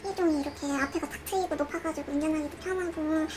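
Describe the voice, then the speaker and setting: A woman putting on the voice of a nagging middle-aged male taxi driver who lectures in a rapid, scolding way. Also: high-pitched, steady tone, darkish tone, pitched above the performer's own voice, close to an everyday voice.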